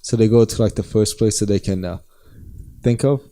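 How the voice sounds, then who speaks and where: A man with a northern German accent, speaking in a lowish, mellow voice. He co-hosts a casual podcast and rambles loosely, restarting sentences and filling gaps with "uh" and "like.". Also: brisk, smooth. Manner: rambling, many fillers and restarts. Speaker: podcast co-host. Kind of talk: casual chat.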